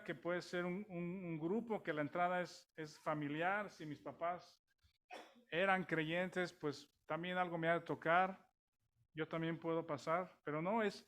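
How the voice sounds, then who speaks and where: A man's voice: sits high, a bit bright. Mexican man preaching in a conversational way. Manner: conversational, with many restarts and rhetorical questions to the congregation. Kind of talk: sermon.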